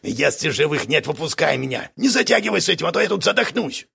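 A man voicing a raspy, smug little crook. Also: fairly high pitch, big pitch swings, quick pace, pushed and bright, pitched above the performer's own voice, exaggerated voice. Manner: smug, unflappable. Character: scheming boastful male crook, smug. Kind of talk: audiobook character voice.

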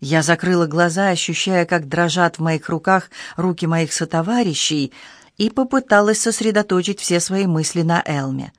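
A woman's voice: lowish voice, moderate pace, dry recording. Woman reading a novel aloud, dry sound. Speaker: audiobook reader. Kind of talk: scripted narration.

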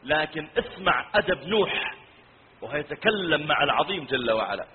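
High-voiced male preacher, tinny hall recording. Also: expressive. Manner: emotive storytelling, slows to chant verses. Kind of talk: sermon with chanted scripture recitation. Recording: tinny phone-like recording with long hall reverb.

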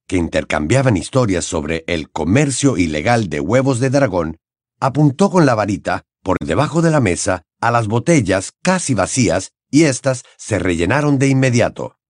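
Animated male audiobook narrator. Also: fairly low pitch, dry recording, studio quality. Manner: dramatic, varied storytelling delivery. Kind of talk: expressive scripted narration.

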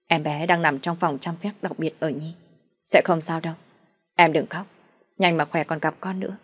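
A woman's voice: low voice, steady tone, moderate pace, husky. Woman reading a soothing older sister. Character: gentle caring older sister.

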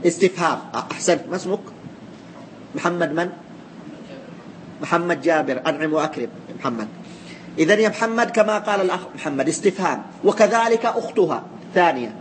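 A man's voice: fairly high pitch, animated, brisk, slight background noise. A man teaching religious law to a class, explaining by repeating his points and quizzing his students. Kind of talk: classroom lesson with student questions.

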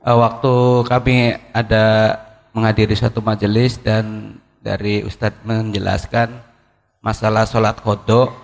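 A man's voice: on the low side, little pitch movement, measured pace, gravelly, pauses often. A man from the audience asking the preacher a question, a bit hesitant. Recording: hall reverb.

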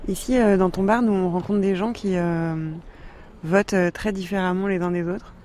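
A man's voice: high-pitched, steady tone, normal speed, darkish tone, slight background noise. A male interviewer asking short, casual, direct questions for a documentary.

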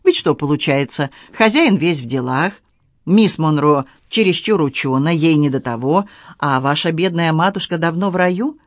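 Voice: mid-range voice, animated, moderate pace, dry recording, clean studio sound, natural voice. A reader doing Dixon, an old preachy servant. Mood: lecturing. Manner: lecturing, homely. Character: old male servant Dixon, gruff and moralising.

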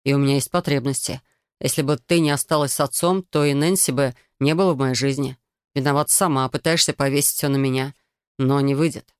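A woman reading an audiobook voices a young man who slowly and insistently justifies himself to his fiancée. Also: very deep voice, fairly even intonation, clean tone, no echo, clean studio sound. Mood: defensive.

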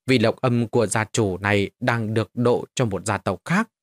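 A man as a calm young occult hero. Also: lowish voice, normal speed, no room sound, lightly acted.

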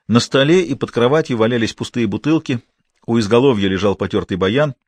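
Calm male audiobook narrator. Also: medium pitch, a little fast, no room sound. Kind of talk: scripted first-person narration.

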